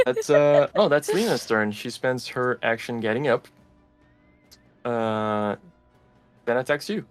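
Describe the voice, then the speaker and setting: A man's voice: medium pitch, expressive, smooth, no echo, faint music behind. Casual man running a tabletop game. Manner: casual, halting, explains rules, laughs often. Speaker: game master.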